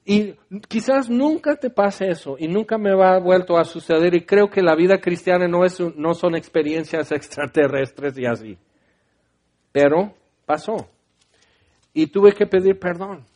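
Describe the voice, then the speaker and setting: Sharing a heartfelt testimony sermon, a middle-aged man speaks conversationally with a Mexican Spanish accent and frequently starts his sentences over. His high-pitched voice is a little mellow and moves at a measured pace.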